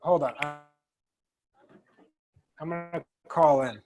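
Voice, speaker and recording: A man's voice: fairly high pitch, takes it slowly, a little mellow. A man talking casually on a group video call, rambling and restarting his sentences, his audio choppy and cutting out.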